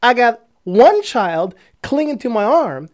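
A middle-aged man in a relaxed conversational podcast, spinning a story with a lively voice. His pitch swings widely as he talks, and he slips into acted shouts and voices for the people in his tale. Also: takes it slowly. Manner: animated storyteller, acts out shouting and voices in the telling. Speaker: podcast co-host. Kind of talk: casual storytelling chat.

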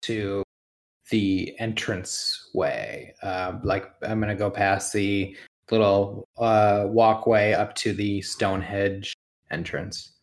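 A man playing a tabletop game, speaking in a hesitant, halting way. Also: lowish voice, little pitch movement. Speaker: player. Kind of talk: casual tabletop game chat.

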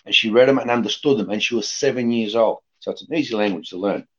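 A middle-aged man raised in Australia, talking casually as a podcast guest in a rambling, lively way with many restarts. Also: on the low side, fast. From born in Greece, raised in Australia. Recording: dull lo-fi podcast audio.

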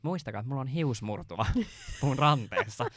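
A man's voice: medium pitch, a bit bright, a little hiss or hum. A man co-hosting a podcast, telling a story in a rambling, casual way with lots of fillers and swearing. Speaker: podcast co-host.

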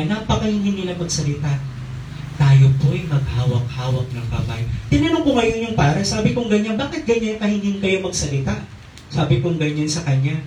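Pastor guy preaching, somewhat high voice, lots of hallelujah and amen, sounds far off. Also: darkish tone, a little hiss or hum. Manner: call-and-response, frequent hallelujahs and amens. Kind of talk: sermon. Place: church hall. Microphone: handheld mic. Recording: echoey church recorded from far off.

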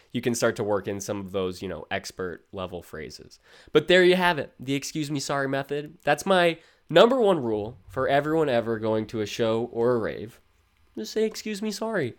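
A man's voice: mid-range voice, big pitch swings, moderate pace. A man co-hosting a podcast in a playful, jokey casual chat. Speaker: podcast co-host.

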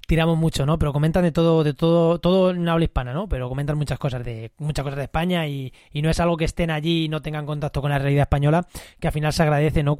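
A man from co-hosting a casual podcast, chatty, repeating words and filling pauses with "eh". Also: a little high, a little mellow, no echo, studio quality. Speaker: podcast co-host.

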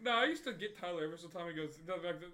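A young man in casual, crude banter with friends, telling animated stories and swearing freely. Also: sits high, very fast, a crowd in the background. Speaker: podcast co-host. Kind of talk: casual chat.

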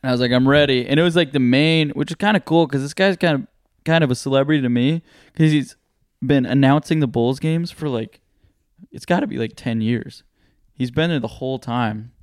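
A man's voice: mid-range voice, fairly quick, smooth, no room sound, clean studio sound. A man co-hosting a podcast, chatting and telling stories casually with a joking, slangy manner. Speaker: podcast co-host. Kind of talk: casual chat and storytelling.

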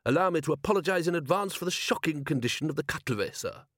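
A man voicing a prim, devoted male butler in an audiobook, formal and fastidious. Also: fairly high pitch, expressive, a bit bright, no room sound, clean studio sound, voice pushed up.

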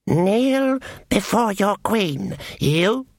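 A man reading a story aloud, voicing a cold and proud elf queen who speaks slowly and commands. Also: high-pitched, animated, no room sound, clean studio sound, pitched above the performer's own voice, full character voice. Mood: commanding. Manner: slow, commanding, haughty.

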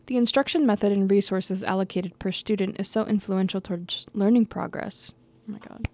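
A woman's voice: mid-range voice, brisk, dark tone, a little hiss or hum. A young woman reading her own essay aloud, casual and self-correcting, laughing off her own slips and restarting lines. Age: young adult.

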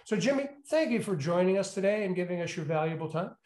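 High-voiced man interviewer, roomy echo. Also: expressive, fast talker, a little mellow. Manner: hesitant, many filler uhs and repeated words. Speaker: interviewer, university executive in residence. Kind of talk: hosted interview.

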